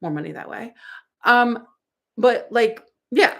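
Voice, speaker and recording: This is casual livestream banter from a woman in her forties who reads her chat out in a rambling manner, often restarting and using fillers. Her voice is on the high side and expressive, slow-paced, with a fairly bright tone.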